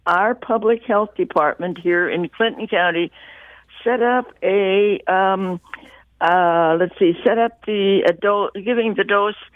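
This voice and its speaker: A woman in her eighties calling in to a radio show, heard over the phone, talking in a halting, homely way as she searches for words. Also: mid-range voice, no echo. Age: 80s. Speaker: radio call-in caller. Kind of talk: casual call-in chat. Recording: tinny dry phone line.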